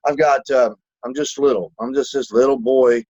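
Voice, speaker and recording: A man's voice: mid-range voice, steady tone, normal speed, a little mellow, no room sound, muffled recording. A man co-hosting a casual podcast, telling stories animatedly, acting out voices and swearing freely. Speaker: podcast co-host.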